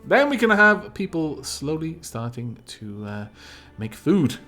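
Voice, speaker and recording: This Welsh let's-play streamer, whose first language is Welsh, muses over a game in a lively pitch at a slightly slow pace. His casual commentary rambles as he thinks aloud and drops dry asides, with faint music in the background.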